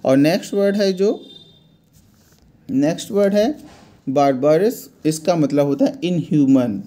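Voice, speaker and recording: Mellow-voiced male teacher. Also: fairly high pitch, lively intonation. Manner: explains word meanings slowly and repeats words. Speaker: English teacher. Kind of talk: vocabulary lesson in Hindi.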